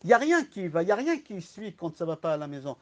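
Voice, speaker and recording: A rabbi teaching a class, his voice sitting high for a man and carrying a slight lisp. He tells his lesson as lively stories, throws rhetorical questions at the room and slips into the voices of the people he quotes. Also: fast talker.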